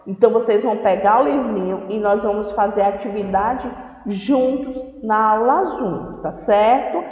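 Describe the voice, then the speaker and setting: A woman's voice: medium pitch, normal speed, darkish tone. A woman teaching young children, speaking patiently and repeating words syllable by syllable. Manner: patient, repeats and spells out words, addresses children with "certo?" and "tá bom?". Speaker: primary school teacher. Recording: echoey room recorded from a distance, dull lo-fi sound.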